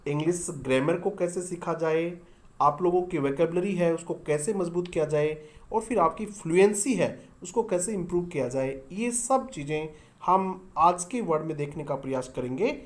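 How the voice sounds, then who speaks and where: A woman's voice: on the low side, normal speed, darkish tone. A woman teaching an online English lesson, explaining step by step and answering her own questions for her students. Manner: addresses viewers as students.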